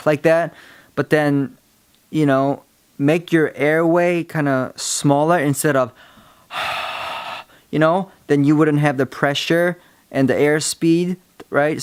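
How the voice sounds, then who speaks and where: A man giving a casual how-to lesson, explaining things in a halting, rambling way. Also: a little high, clear, resonant tone, no echo. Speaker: tutorial presenter. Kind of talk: casual instructional talk.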